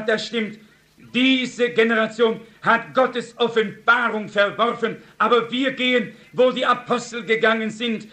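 A man's voice: high-pitched, pushed and bright. A man preaching a sermon, telling stories with quoted dialogue and fervently urging his congregation. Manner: fervent, repeated exhortations to the congregation.

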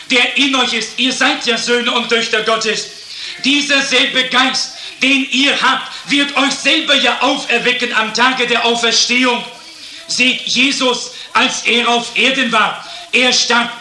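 A man preaches with a very high, bright voice. He speaks slowly and deliberately, often pausing on "seht". The sound is roomy, with a noticeable echo. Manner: slow, measured preaching with frequent "seht". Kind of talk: sermon.

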